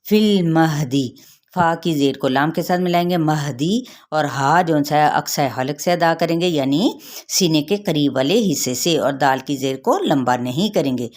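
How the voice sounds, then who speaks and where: Low-voiced woman, a patient Quran recitation teacher who explains the rules and then slows down to recite. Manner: patient, repeats rules, checks with "theek hai".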